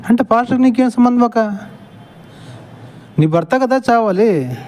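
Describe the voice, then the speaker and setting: Guy with a high-ish voice mocking a clip, keeps demanding answers. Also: lively intonation, moderate pace, darkish tone. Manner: sarcastic, impatient questioning. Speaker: commentator reacting to a clip. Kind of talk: mocking casual commentary.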